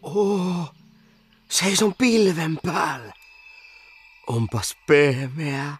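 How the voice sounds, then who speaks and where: An actor playing a chubby, gentle young male lynx cub in a radio play. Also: fairly high pitch, animated, breathy edge, soft background music. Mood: dazed.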